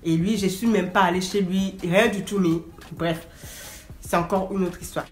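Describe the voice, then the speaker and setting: A young adult woman telling a story of her travels to camera in an animated, casual way, acting out the dialogue, her voice carrying loudly when she raises it. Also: fairly low pitch, normal speed. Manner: animated, acts out dialogue and bursts into shouting. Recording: roomy echo.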